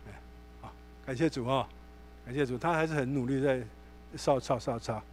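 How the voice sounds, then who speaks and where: A man's voice: medium pitch, normal speed, a little hiss or hum. A male pastor with a Taiwanese Mandarin accent, preaching a sermon in a church and telling stories with acted-out dialogue. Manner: animated storytelling, acts out dialogue. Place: church sanctuary.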